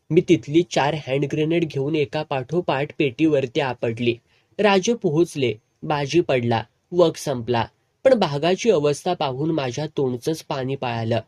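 A man narrating a serialized novel in a vivid, expressive storytelling manner. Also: fairly high pitch, no room sound, studio quality. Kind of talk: dramatic audiobook narration.

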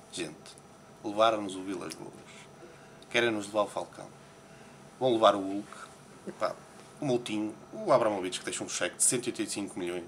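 A man from Portugal with a European Portuguese accent speaks in a deep, slightly bright voice over faint hiss or hum. He's a poker player being interviewed in Las Vegas one morning, chatting casually about newspaper headlines and hesitating often.

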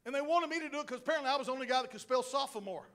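A middle-aged male pastor delivers a sermon to his church. His voice sits very high for a man. He preaches in an animated, joking way and often turns to the people in the pews. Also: very fast. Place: church sanctuary.

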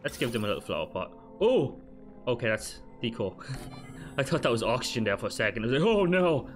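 Gamer guy freaking out over his colony, bright voice, swears a lot, squeaks up high when it goes wrong, faint game music. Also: quick pace. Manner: frantic, swearing, talks to himself and viewers; pitch jumps up sharply when panicking. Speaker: gaming channel host. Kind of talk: let's play commentary.

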